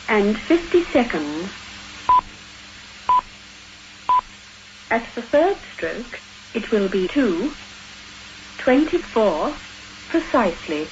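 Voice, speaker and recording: A woman reading a recorded speaking-clock time announcement in spliced-together words and phrases over a telephone line. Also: fairly high pitch. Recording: noisy, band-limited old telephone line recording.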